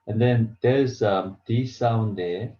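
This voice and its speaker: A man teaches a beginner pronunciation lesson in halting, repetitive, simple English. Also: on the low side, warm tone. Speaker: Korean language teacher. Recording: roomy echo, dull lo-fi sound.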